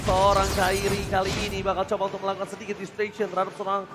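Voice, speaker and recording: An Indonesian man casts esports like a fighting game announcer, dramatic and very high in pitch. His delivery is fast, and loud music plays behind him. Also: completely flat delivery. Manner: dramatic, shouts kill calls. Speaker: esports play-by-play caster. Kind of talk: fighting game announcer style live match commentary. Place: live esports tournament broadcast.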